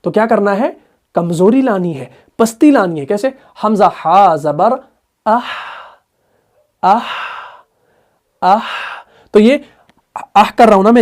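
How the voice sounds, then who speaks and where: A man's voice: sits high, darkish tone. A man teaching recitation rules in a classroom lesson. He asks questions, answers them himself and repeats sounds to demonstrate. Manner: patient and methodical.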